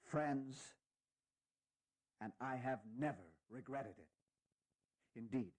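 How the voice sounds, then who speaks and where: A man playing a dignified, fatherly aging general, giving stirring, deliberate and sometimes halting oratory in a historical audio drama. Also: mid-range voice, darkish tone. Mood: earnest, heartfelt. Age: older.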